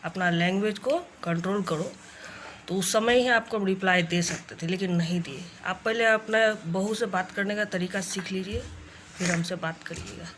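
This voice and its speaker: A woman's voice: medium pitch, fairly bright tone, slight background noise. A young woman vlogger speaking straight to camera, scolding someone in a confrontational tone and repeating her warnings. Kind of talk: direct-to-camera rant vlog.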